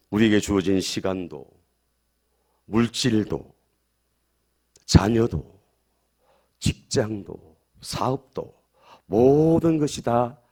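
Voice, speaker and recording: A man's voice: lowish voice, a little mellow. A middle-aged man, a pastor preaching a sermon, stressing key phrases over and over and having the congregation repeat after him.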